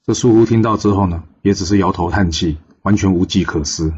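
Husky low-voiced male storyteller. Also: a little fast, darkish tone, highs cut off. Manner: chatty, filler-heavy narration. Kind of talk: casual oral storytelling.

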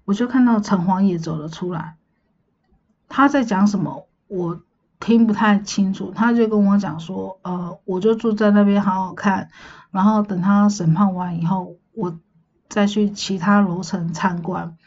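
Breathy woman telling a dream. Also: mid-range voice, a little slow, darkish tone, muffled recording. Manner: chatty, meandering, hedging recall. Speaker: podcast host. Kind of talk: casual storytelling of a dream.

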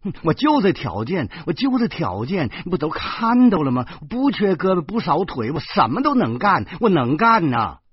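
A man voicing a stubborn middle-aged woman who pushes to be hired as a maid, in an insistent, shrill manner. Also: very animated, unhurried, long pauses, slightly rough, no room sound, heavily acted. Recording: muffled lo-fi recording.

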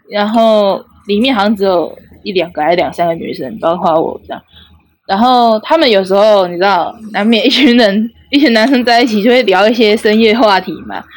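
A woman's voice: mid-range voice, dry recording. A young woman with a Taiwanese Mandarin accent telling a personal story in a chatty way, full of filler tags. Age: young adult. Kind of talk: casual personal anecdote.

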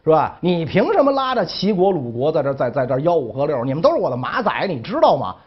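A man's voice: fairly high pitch, sing-song, fast talker, slightly rough, dull audio. A man voicing an indignant ancient king who scolds in blustering, colloquial tones. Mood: scolding.

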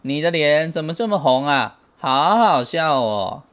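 A man's voice: mid-range voice, lively intonation, normal speed, lightly acted. A man voicing a cocky, heroic male Monkey King who talks in a boastful, teasing way for a children's storybook. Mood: mocking.

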